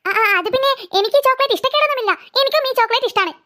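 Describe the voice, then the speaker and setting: A woman's voice: rapid-fire, a bit bright. A woman voicing a cheeky, smug young girl who teases her sister in a cartoon. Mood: teasing. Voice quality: very high childlike voice. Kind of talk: cartoon voice acting.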